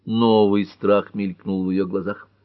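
A male audiobook narrator telling a detective story in a steady, measured way. His voice sits somewhat low. The recording is close and dry. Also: smooth, no room sound. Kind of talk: scripted narration.

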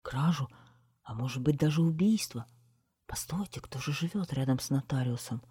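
A woman voicing a pompous male mayor who has been turned into a small mouse, squeaking and giving orders. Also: lively intonation, moderate pace, mellow, husky, heavily acted. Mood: worried. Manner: squeaky, indignant, commanding.

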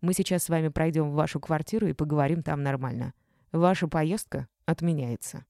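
A woman reading a gruff, domineering middle-aged male boss who talks in a blunt, bossy growl. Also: sits low, brisk, warm tone, dry recording, clean studio sound. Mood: stern.

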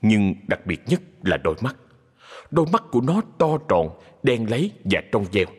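A man narrating a ghost story in a measured, expressive storytelling voice. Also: on the low side, slightly rough.

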